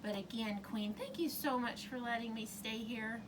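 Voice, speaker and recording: A woman voicing a bedraggled young storybook princess who talks in a pleading, halting, over-polite way. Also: a little high, close to an everyday voice. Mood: hesitant, polite. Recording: distant mic, clearly noisy room.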